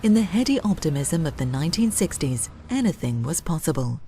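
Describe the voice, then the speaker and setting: A woman's voice: deep voice, sing-song, brisk, over music. A woman reading scripted narration for a historical documentary.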